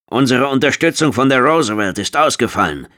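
A gruff military commander barks short, impatient orders, as a male narrator puts him on. The reader lifts his deep voice a little and clips every line. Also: animated, fairly quick, sharp tone. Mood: curt. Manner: curt, barking orders.

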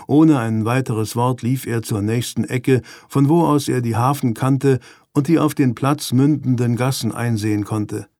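A man reading an audiobook in a measured, even storytelling manner. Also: medium pitch, no room sound, clean studio sound. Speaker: audiobook narrator. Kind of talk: scripted narration.

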